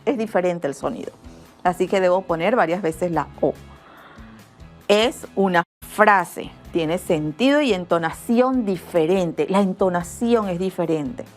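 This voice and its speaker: A middle-aged schoolteacher, explaining grammar in a remote class and acting out example phrases in different tones. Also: female voice, on the low side, lively intonation, unhurried, soft background music. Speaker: school teacher.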